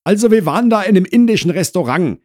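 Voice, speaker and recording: Performing as an easily irritated, shrill woman in her fifties, a man pitches his voice high and loud, swooping up in indignant bursts. The delivery is expressive and quick, dry and close with no room sound, like a comic audiobook.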